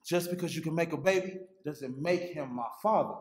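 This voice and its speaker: A man's voice: fairly high pitch, fairly quick, a little mellow, roomy sound, close to an everyday voice. An actor playing a stubborn, resentful young man in his twenties, arguing informally in stage play dialogue. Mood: resentful, defensive. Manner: defensive, informal, argumentative.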